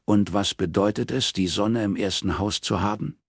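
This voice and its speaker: A man's voice: fairly low pitch, normal speed, creaky, husky, no room sound, clean studio sound, pitched above the performer's own voice. A man reading an audiobook voices a young woman detective who teases her partner, lifting his voice. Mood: curious. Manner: teasing, lively.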